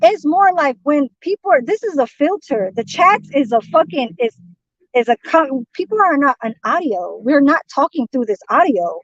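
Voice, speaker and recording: Speaking at normal speed in a high, sing-song voice, a San Francisco woman delivers a heated livestream rant, rambling, confrontational and full of swearing. The dry recording has dull, lo-fi stream quality.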